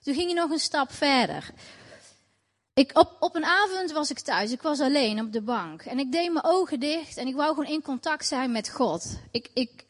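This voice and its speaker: Woman, high voice, earnest, emotional, repeats phrases, faith testimony, long hall reverb. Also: expressive, normal speed. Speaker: testimony speaker.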